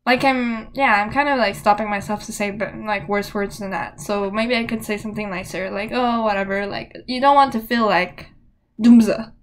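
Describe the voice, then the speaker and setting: A woman's voice: medium pitch, moderate pace. A young woman giving a candid, emphatic motivational talk to camera, often checking in with "okay?". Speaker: self-help vlogger.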